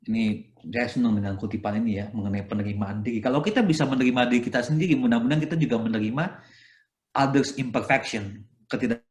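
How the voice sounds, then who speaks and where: An Indonesian-accented male priest delivers a relaxed, conversational homily, voice sitting at an ordinary middle pitch. He talks loosely, tacking on little tags and dropping in English words. The recording carries a noticeable room echo. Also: fast talker. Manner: conversational, peppered with "gitu ya" tags; mixes English phrases into his speech. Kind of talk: sermon. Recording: echoey room.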